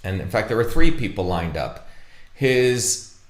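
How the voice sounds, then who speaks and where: Guy, fairly low voice, rambly talk with lots of uh and um, echoey room. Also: expressive. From India. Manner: halting, many fillers and restarts. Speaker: speaker presenting a talk. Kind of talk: informal lecture with storytelling.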